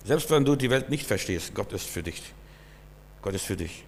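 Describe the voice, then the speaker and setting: Earnest German preacher in a reverberant hall. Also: male voice, on the low side, lively intonation, normal speed. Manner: earnest, repetitive, addresses listener directly. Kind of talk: sermon.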